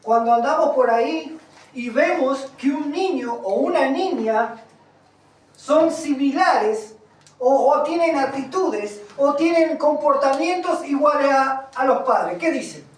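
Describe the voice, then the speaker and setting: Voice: high voice, animated, slow pace. A preacher giving an emphatic sermon, reading scripture aloud and putting questions to the congregation. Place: congregation hall, also streamed. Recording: echoey room from far off.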